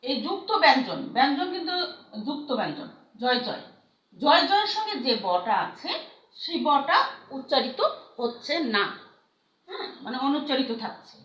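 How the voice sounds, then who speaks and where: A woman teacher giving a pronunciation lesson, patiently repeating each word slowly for her students, with a Bangladeshi Bengali accent. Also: high voice, sing-song, a bit bright. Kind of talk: recorded classroom lesson on pronunciation. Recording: echoey, dull lo-fi room recording.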